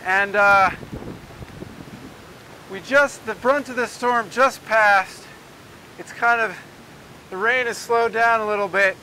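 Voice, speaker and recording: Male field reporter, high-pitched and piercingly bright, loose unscripted live delivery, some wind noise outdoors. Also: steady tone, slow, long pauses, rough recording. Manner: loose, rambling, ad-libbed delivery. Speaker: amateur storm reporter. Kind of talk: live on-location weather report. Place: outdoors on a city street in a storm. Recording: windy outdoor mic noise. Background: gusting wind.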